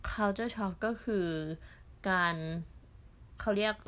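Young thai woman vlogging, chatty, lots of fillers and pauses, mid voice. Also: mid-range voice, fairly even intonation, a bit bright. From Thailand. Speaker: au pair vlogger. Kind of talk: casual storytelling vlog.

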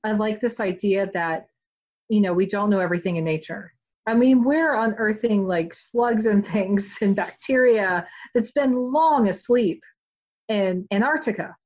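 A woman author being interviewed, talking in a chatty, animated way with many "like" fillers. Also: mid-range voice, a little slow, muffled recording. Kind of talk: casual interview chat.

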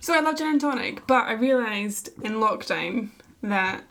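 A woman from Skye, a podcast guest, chatting over drinks in an animated way, laughing and quick to question. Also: fairly high pitch. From Isle of Skye, Scotland. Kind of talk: relaxed conversation over drinks.

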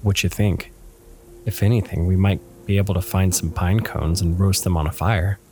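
A man's voice: deep voice, fairly even intonation, normal speed, a little mellow, faint music behind. A man voicing a greedy, hungry young boy hunter who talks bluntly and bossily to his pet, in a storybook reading. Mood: easygoing.

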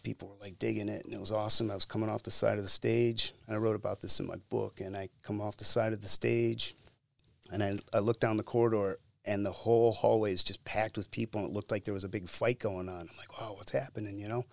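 A middle-aged man telling stories casually in an interview, lively and acting out the lines he quotes. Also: on the low side, fast talker, gravelly, dry recording. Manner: animated, acts out quotes. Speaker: musician guest.

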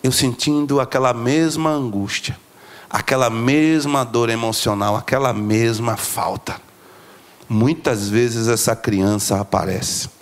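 A man preaching a sermon, moving from soft, slow lows to high, emphatic climbs. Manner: emotional, rising to high emphatic peaks then dropping low and slow.

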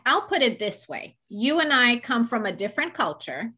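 This is a woman in her forties from Uganda, talking casually as a podcast guest. Her voice is bright and a little high, and she speaks with animated emphasis, like she's telling a friend a story. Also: moderate pace, slightly rough. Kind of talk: casual chat.

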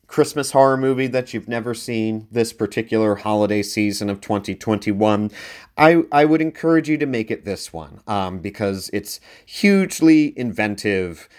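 A man's voice: fairly low pitch, lively intonation, moderate pace, darkish tone. A man hosting a casual film review podcast, talking conversationally and leaning into his recommendations with emphasis. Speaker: podcast host.

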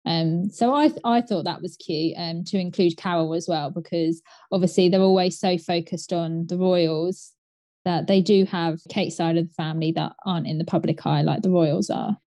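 A woman chats on a podcast in an easy, filler-heavy way. Her tone is mellow and warm rather than bright, and the recording is dry and close. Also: lowish voice, steady tone, moderate pace, no echo. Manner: chatty, frequent "like" and "um". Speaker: podcast co-host. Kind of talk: casual chat.

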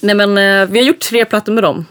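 A touring band musician from southern Sweden, chatting casually as an interview guest, laughing often and trailing off into soft asides. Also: mid-range voice, steady tone, clear, resonant tone.

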